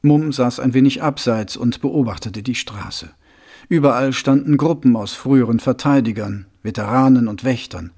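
A man narrating a novel as an audiobook in a lively storytelling manner. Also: medium pitch, moderate pace, slightly rough. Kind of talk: scripted narration.

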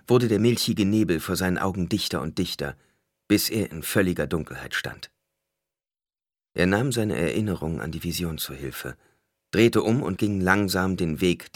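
A man narrating an audiobook in a measured, expressive manner. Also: low-pitched, dry recording, clean studio sound.

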